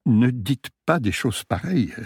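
An earnest young priest, as a male narrator puts him on, soft and restrained in a storybook reading. The voice is husky and dry, set a little above the narrator's deep tone. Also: big pitch swings, unhurried, no room sound, full character voice. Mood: shaken.

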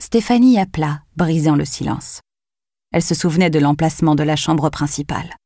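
A woman narrates a thriller novel in a measured, steady way, with a low and mellow voice. In tense moments she drops to a hushed near whisper. The recording is close and dry, with no room echo. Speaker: audiobook narrator. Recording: dry close studio sound.

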